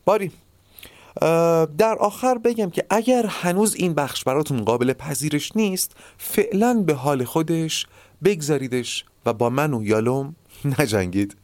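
A man hosting a solo podcast, explaining ideas in a measured way and speaking straight to his listeners. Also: a little high, animated, darkish tone, dry recording. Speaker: podcast host. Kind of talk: solo philosophical podcast monologue.

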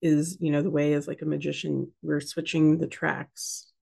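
A woman's voice: deep voice, little pitch movement, moderate pace, creaky, darkish tone, breathy edge. A woman hosting a casual spiritual talk, rambling with many fillers and restarts. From United States. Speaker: host.

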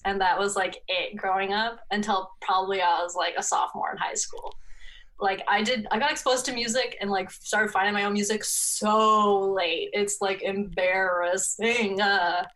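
A young woman in her twenties from California, a podcast guest who talks in a relaxed, rambling way with many fillers and frequent laughs. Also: mid-range voice, low-quality recording. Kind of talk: casual interview chat.

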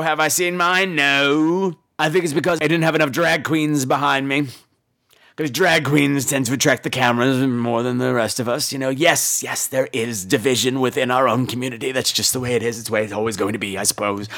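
With a mid-range, fairly bright voice, a man hosts a podcast and shares comic anecdotes about himself. His delivery is exaggerated, theatrical and campy, peppered with salty, sassy comments.

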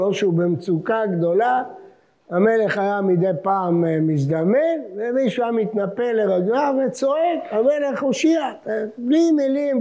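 A man's voice: sits high, darkish tone. A man gives a rabbinic talk. He explains old texts and quotes verses, and his emphasis rises as he reads them. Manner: expounding texts, quoting verses with rising emphasis. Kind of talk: Torah lecture before Selichot.

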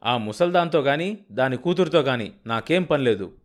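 A hot-tempered, stingy village farmer in an audiobook, as a male narrator puts him on. He talks loud and brusque, with a voice pitched up above the reader's own. Every line comes out as a blustering complaint. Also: expressive, moderate pace, natural voice.

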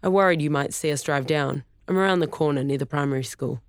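A narrator voicing a practical, blunt young woman friend in a quiet, hushed way, in a dry recording. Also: mid-range voice, fast, no room sound, natural voice.

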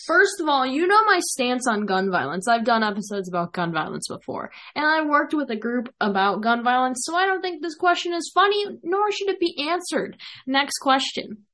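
Young woman, podcast host, deadpan, dismissive, casual chat, slightly high voice. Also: normal speed, few pauses. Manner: dry, mock-serious, dismissive. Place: remote call.

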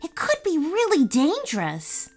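A woman's voice: sits high, huge pitch swings, a little slow, soft background music, pitched above the performer's own voice, heavily acted. A woman voicing a sensible young boy who is cautious and speaks in a worried, matter-of-fact way.

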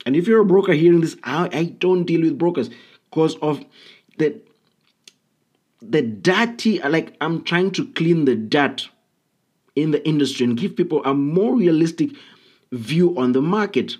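A man's voice: on the high side, animated, measured pace, long pauses, darkish tone, slightly rough. A man hosting a solo podcast, talking casually and bluntly with frequent ums and uhs. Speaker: podcast host.

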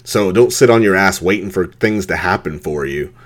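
Deep-voiced man in his thirties ranting. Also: moderate pace. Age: 30s. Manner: mocking, blunt, heavy swearing, laughs at his target. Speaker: podcast host. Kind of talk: profane ranting commentary.

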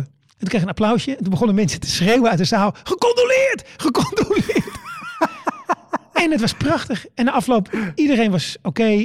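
A man's voice: sits high, darkish tone, no room sound, studio quality. A middle-aged man, a stand-up comedian, telling stories in casual chat, stammering and restarting and acting out what he said. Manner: stammering restarts, repeats words; acts out his own quoted words.

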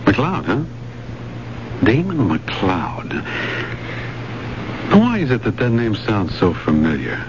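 A man's voice: fairly low pitch, big pitch swings, slow, pauses often. A man playing a worried husband and homicide detective in a naturalistic radio drama. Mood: worried, suspicious. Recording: noisy lo-fi radio recording.

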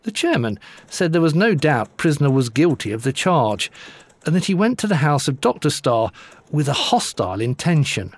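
A man reading old newspaper court reports aloud in a measured, lively way with dry wit. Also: a little high. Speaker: narrator.

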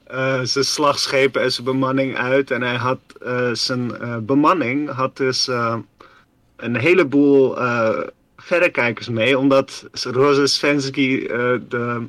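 A man's voice: medium pitch, steady tone, slow, fairly bright tone, no echo. A man casually telling a history story to his co-host on a podcast, rambling with many fillers and often calling his co-host by name.

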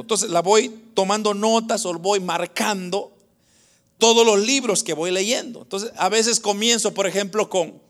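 High-voiced preaching man, lively. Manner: animated, acts out Bible scenes in voices; addresses congregation as brothers. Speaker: pastor. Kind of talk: sermon.

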